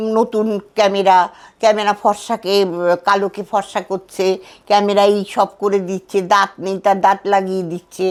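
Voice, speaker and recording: An older woman talks casually on a podcast about her acting and dubbing work. She tells stories with animation and slips into the voices of the lines she once performed. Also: medium pitch. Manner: animated storyteller who acts out dialogue. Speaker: actress and dubbing artist.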